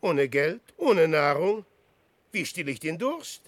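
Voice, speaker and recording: An actor playing Peer Gynt, a vain, self-serving rich adventurer, declaiming in a classic radio play. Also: male voice, a little high, big pitch swings, slow pace, dry recording. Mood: brooding. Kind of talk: classic radio drama acting.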